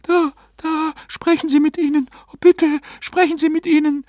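A man voicing an excitable woman at a séance, breathless and pleading. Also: high voice, slow pace, no room sound, studio quality, pitched above the performer's own voice.

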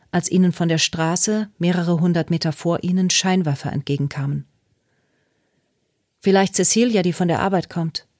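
Calm woman narrating an audiobook. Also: lowish voice, no room sound, clean studio sound. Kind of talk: scripted narration.

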